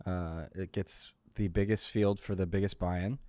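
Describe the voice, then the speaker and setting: Tired, laid-back low-voiced man. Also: fairly even intonation, a little mellow, no echo. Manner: laid-back, explanatory, many "uh" pauses. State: tired, short on sleep. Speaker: podcast host, professional poker player. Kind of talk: casual podcast conversation.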